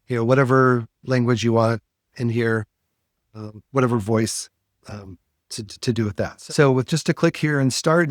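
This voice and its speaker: A man's voice: mid-range voice, dry recording. Guy walking thru a tech demo, lots of um, dry mic. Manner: explanatory, many fillers. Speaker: podcast host. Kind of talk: casual technical demo.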